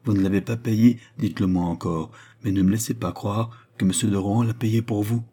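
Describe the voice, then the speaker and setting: A man's voice: lowish voice, steady tone, a little fast, dark tone, husky. A man reading the part of a desperate, jealous young nobleman in an audiobook, speaking urgently. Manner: urgent, pleading.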